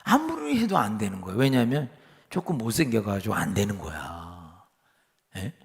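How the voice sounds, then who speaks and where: A man's voice: on the low side, moderate pace, gravelly. A man preaching a humorous sermon in a church, telling stories and acting out the dialogue. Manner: animated storytelling, acting out dialogue. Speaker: guest preacher. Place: church sanctuary. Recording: reverberant church hall.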